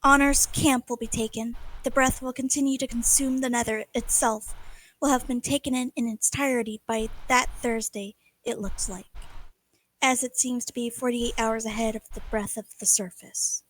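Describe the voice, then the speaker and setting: A woman giving a measured, formal briefing in character during a roleplay session. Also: on the high side, fairly even intonation, rough recording.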